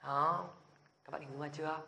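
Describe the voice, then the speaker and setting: A man's voice: a little high, steady tone, normal speed, gravelly, pushed and bright, dull audio. A man teaching a beginner language lesson who keeps asking his viewers whether they follow, then drills the sounds aloud with energy. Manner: patient, checks in with the viewers after every point.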